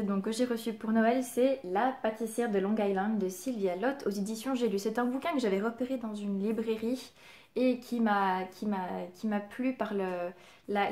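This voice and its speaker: Speaking at a medium pitch with a darkish tone, this woman vlogs about books, going through a haul in an easygoing way. Her delivery is giggly and eager, full of pauses and small filler words.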